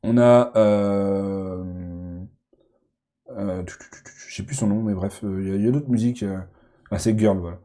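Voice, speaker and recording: A man's voice: on the low side, steady tone, normal speed, pauses often, warm tone. A man talking casually as he ranks films, rambling and often restarting his sentences with lots of fillers. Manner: rambling, self-correcting with many fillers and repeated words. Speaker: film YouTuber ranking movies. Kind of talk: casual chat.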